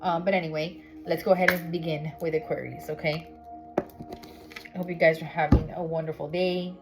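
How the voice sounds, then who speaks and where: Her voice is deep, flat, and brisk as this Miami tarot reader works through a casual spiritual reading for her vlog. She keeps things chatty, packed with fillers and frequent "okay?" check-ins, over background music.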